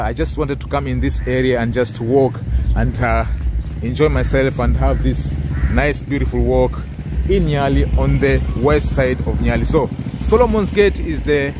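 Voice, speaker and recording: A Kenyan man in his thirties talks through a walking tour, stopping and restarting often and filling the gaps with "uh". His voice sits at a middle pitch. He is filming on a handheld phone outdoors, and clear street and car noise runs behind him. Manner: halting, with many fillers and restarts. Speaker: vlogger. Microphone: handheld phone camera. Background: street noise and passing cars.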